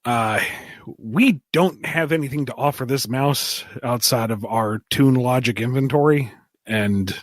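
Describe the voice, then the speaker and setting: A man's voice: medium pitch, measured pace, dry recording. A man playing a text adventure who argues his plans in an earnest, persuasive way. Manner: earnest, persuasive, speaks in bursts. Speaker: player. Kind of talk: tabletop game banter.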